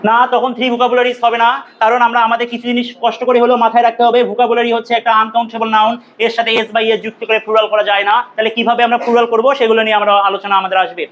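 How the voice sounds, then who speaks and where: High-pitched, flat-voiced grammar teacher. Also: male voice, fast, muffled recording, a little hiss or hum. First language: Bengali. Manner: repeats words for drill, asks students questions. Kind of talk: classroom grammar lecture.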